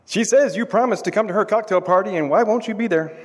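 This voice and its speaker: A man playing a cocky, sarcastic detective's assistant in a live old-time radio drama, breezy and quick with a quip. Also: high-pitched. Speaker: stage radio actor. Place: historic courthouse, live on stage. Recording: long reverb of a courthouse hall.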